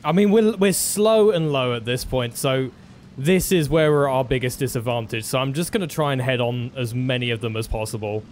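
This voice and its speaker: A man's voice: mid-range voice, fairly quick, a little mellow. A man commentating his own flight-combat gameplay, laughing often and cracking up at his wins. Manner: giggly, breaks into frequent laughter. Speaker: gaming commentator.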